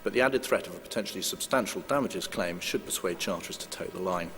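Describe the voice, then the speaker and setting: Deep-voiced man lecturing in a hall. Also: fairly bright tone. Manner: measured, hedging with frequent "uh" fillers. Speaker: lawyer giving a conference talk. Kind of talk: formal legal presentation. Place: conference hall. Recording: long hall reverb with faint hum.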